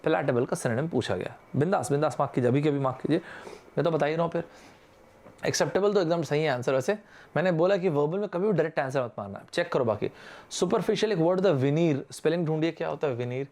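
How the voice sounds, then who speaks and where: Man, Indian accent, upbeat online tutor with a slightly high voice, mixes Hindi and English on a streamed mic. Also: fast. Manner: lively, mixes Hindi with English terms, quizzes viewers directly. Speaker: exam-prep teacher. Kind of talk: online vocabulary lesson.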